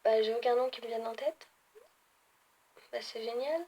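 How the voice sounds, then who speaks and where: A young woman chatting casually in a vlog, filling pauses with "euh" and often correcting herself as she ranks her favourites. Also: on the high side, fairly even intonation, dark tone. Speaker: beauty vlogger. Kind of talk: casual ranking video.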